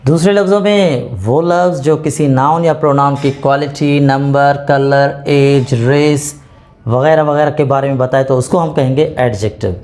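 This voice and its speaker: A man teaching grammar, explaining it to learners in a patient lesson and reading out example sentences slowly. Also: medium pitch, darkish tone. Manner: slow, deliberate reading of English example sentences; checks in often with the listener.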